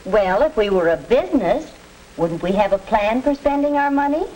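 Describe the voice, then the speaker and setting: Practical mother, very animated intonation. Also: a little high, moderate pace. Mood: practical, pleasant. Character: gentle, practical, self-sacrificing housewife mother. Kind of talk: stagey scripted 1940s educational film acting. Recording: crackly 1940s film soundtrack.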